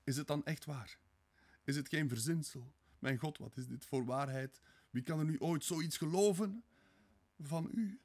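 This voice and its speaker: A man reads a desperate young woman who pleads and cries out in disbelief. The voice climbs high and loud above his own, with a husky, breathy edge. It is an audiobook reading. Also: moderate pace. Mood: distraught. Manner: pleading, high-pitched and frantic.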